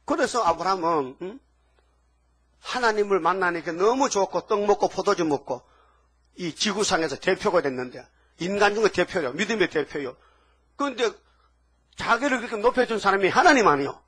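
Man, pastor, sermon, high pitch, husky, emphatic, prods audience with questions. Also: animated, normal speed, a bit bright. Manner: emphatic, keeps prodding the audience with rhetorical "eh?"; colloquial storytelling with laughs.

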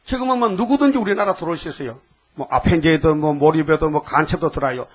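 Husky, scolding preacher. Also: male voice, fairly high pitch, fast talker. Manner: animated, scolding, rhetorical questions. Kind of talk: sermon.

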